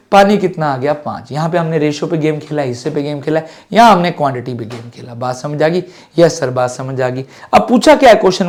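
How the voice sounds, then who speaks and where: A middle-aged man with a Hindi accent teaching exam-prep maths, slightly sore-throated, asking questions in a student's voice and then answering them himself. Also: a little high. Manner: asks and answers his own questions as a student.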